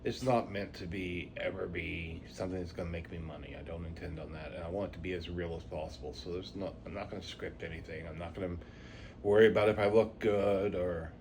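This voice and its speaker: A middle-aged man talking reflectively and unscripted to viewers, his articulation slurred by missing teeth and a speech impediment, rambling with halting pauses. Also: deep voice, fairly even intonation, background noise. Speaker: vlogger introducing a channel.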